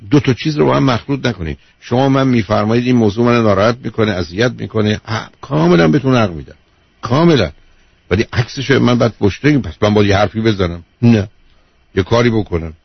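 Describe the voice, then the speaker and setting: A man's voice: mid-range voice, vocal fry, husky, no room sound. A man who is a doctor, hosting a call-in radio advice show, lecturing emphatically and repeating his key points. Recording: dull lo-fi radio broadcast.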